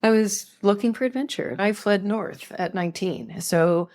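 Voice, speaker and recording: An older woman from California appears as a podcast guest in a conversational interview, speaking earnestly and reflectively about her life. Her voice is medium-pitched with a darkish tone, at a normal speed.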